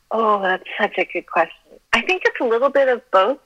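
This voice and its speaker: A middle-aged woman from Colorado, USA, who grew up speaking Chinese, giggles and pokes fun at herself as a podcast guest in a casual interview. The phone-line audio carries her fairly high, slightly bright, expressive voice at a moderate pace.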